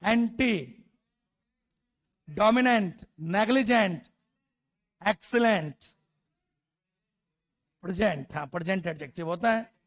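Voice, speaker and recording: A man's voice: sits high, expressive, slow pace, pauses often. A man teaching English grammar to a class, spelling letters out, calling out word lists and teasing students. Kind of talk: classroom lecture.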